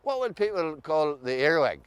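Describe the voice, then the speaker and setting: A man's voice: on the high side, very animated, normal speed, smooth, no echo. A man with an Ulster Scots accent, asking questions as the interviewer in a casual chat.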